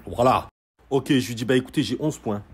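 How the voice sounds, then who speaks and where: A young man telling a story in a casual, sarcastic rant, mocking and animated as he recounts events. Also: medium pitch, brisk, noisy background.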